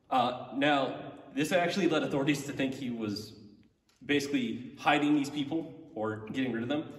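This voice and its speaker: A man working as a tour guide tells stories in an informal, explanatory way inside an echoing cave. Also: medium pitch. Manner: conversational, explanatory storytelling. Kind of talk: informal storytelling to a small tour group. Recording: echoey cave, long reverb, distant, faint noise.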